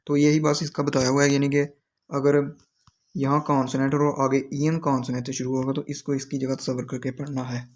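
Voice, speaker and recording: A man teaching Korean vocabulary, explaining each word slowly and repeating it. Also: mid-range voice, level tone.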